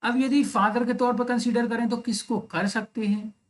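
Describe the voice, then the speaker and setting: A man's voice: very high-pitched, fairly even intonation, moderate pace. A man teaching English literature in an exam-prep lecture, explaining step by step and mixing Hindi with English terms. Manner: explains step by step, often adds the tag "है ना".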